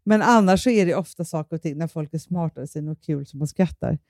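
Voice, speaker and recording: A woman in casual chat who tells lively anecdotes, laughs often and acts out quoted dialogue. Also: low voice, no room sound, clean studio sound.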